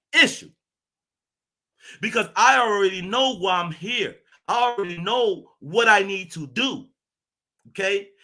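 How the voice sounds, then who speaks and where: A man with a high, forceful voice rants angrily straight at his listeners, swearing freely and hammering the same phrases over and over. His tone stays confrontational and tense. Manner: ranting, profane, confrontational, repeats phrases. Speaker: channel host. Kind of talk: angry monologue to camera.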